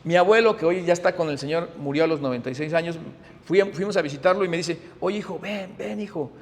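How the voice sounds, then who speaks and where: Middle-aged pastor, high-pitched and animated, preaching in a reverberant hall. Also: male voice, fast talker, a little hiss or hum. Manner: animated, swings from loud emphasis to hushed asides. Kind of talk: sermon.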